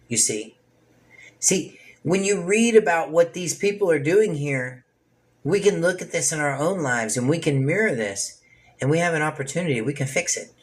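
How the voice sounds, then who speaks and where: A man leading an informal Bible study sermon, talking straight to his listeners with asides and acting out what people say. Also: fairly high pitch. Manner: casual, preachy, talks straight to listeners with asides; animated, acts out people's words in varied voices.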